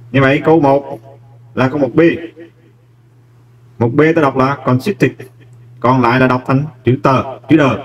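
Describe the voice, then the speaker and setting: A man's voice: a little high, distant mic, lo-fi sound. A man, a teacher walking students step by step through an English exam, speaking to them directly and kindly. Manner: explains step by step, addressing students warmly as "các em". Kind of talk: exam walkthrough lesson.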